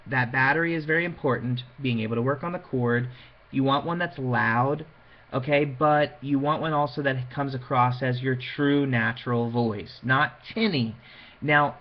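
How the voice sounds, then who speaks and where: A man with a fairly high voice gives an informal lecture to an audience on PA systems for wedding officiants, heard through a muffled recording. He talks conversationally and emphatically, acting out little quoted asides to illustrate his points.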